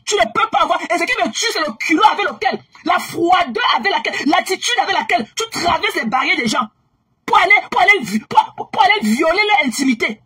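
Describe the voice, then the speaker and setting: A woman on social media delivering a heated, scolding gossip rant, repeating herself and swinging between low and raised voice. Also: animated, a little fast, bright, forceful tone.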